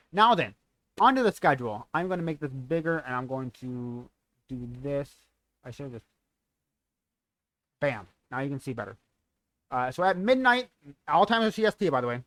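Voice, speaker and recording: A man's voice: medium pitch, a bit bright, dry recording. Rambling young male streamer, dry sound. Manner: rambling, self-correcting, chuckles at himself. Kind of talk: casual stream announcement.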